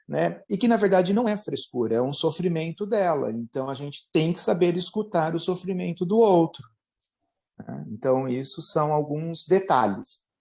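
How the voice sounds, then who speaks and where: A man's voice: a little high, creaky, darkish tone. A man, a psychologist answering interview questions and explaining at length, often ending phrases with tag questions and acting out everyday quotes. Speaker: psychologist guest.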